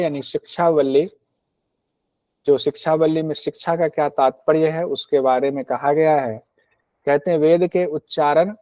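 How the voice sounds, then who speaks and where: A man, teaching scripture as a lesson, who slowly repeats lists so they can be memorised. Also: medium pitch, warm tone, no echo. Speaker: yoga teacher explaining scripture. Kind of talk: spoken lesson on Upanishad text. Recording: slightly dull, dry recording.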